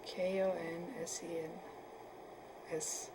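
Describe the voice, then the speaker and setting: A woman in her seventies from Poland, answering questions in an oral history interview and often pausing to search for words. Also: on the low side, little pitch movement, noisy background. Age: 70s. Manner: hesitant, searching for words with many fillers.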